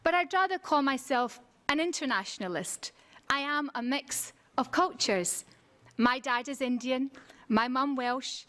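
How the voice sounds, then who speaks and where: Woman from scotland making a big speech at a conference, earnest, high voice. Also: a little slow, pushed and bright. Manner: earnest, rhetorical. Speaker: conference speaker. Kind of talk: prepared speech. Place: conference room.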